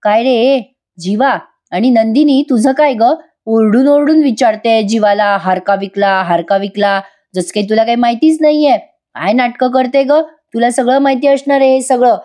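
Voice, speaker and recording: A woman's voice: on the high side, steady tone, normal speed, mellow, voice pushed up, lightly acted. A woman voicing a bitter, sarcastic middle-aged aunt who complains and taunts. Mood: bitter taunting.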